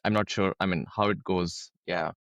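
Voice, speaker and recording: A man's voice: sits low, steady tone, moderate pace, a bit bright, no room sound, muffled recording. A young man from India hosting a podcast, chatting casually with many restarts and hesitations. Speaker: podcast host. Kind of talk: casual interview chat.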